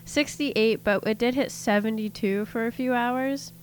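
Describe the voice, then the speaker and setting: A woman's voice: fairly high pitch, unhurried, slight background noise. A woman hosting a casual talk show, chatting and laughing easily while telling anecdotes. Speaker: host. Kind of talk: casual chat.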